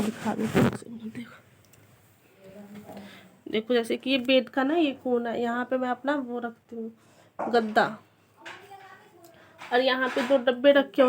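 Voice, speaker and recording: High-pitched, flat-toned young woman. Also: slight background noise. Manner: anxious, retelling a scare. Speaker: vlogger. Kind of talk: casual home vlog chat. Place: small rented room at home.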